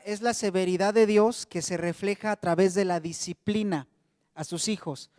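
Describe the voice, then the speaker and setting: A man's voice: high voice, darkish tone, no room sound, clean studio sound, in a large hall. A man with a Mexican Spanish accent preaching a sermon to a congregation, in a conversational way, often calling them brothers.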